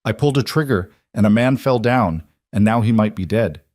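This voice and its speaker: A man's voice: on the low side, expressive, brisk, a little mellow, no room sound, clean studio sound, close to an everyday voice. A man voicing a frightened young female graduate student, pleading and shaken.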